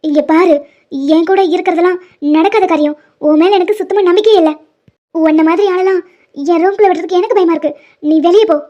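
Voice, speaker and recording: A woman with a very high, mellow voice speaks fairly quickly but leaves long pauses, dubbing the female lead in an animated love story. Her role is an angry young mother who scolds and rejects the man who wronged her, in an exasperated way. The recording is dull and lo-fi, with faint music.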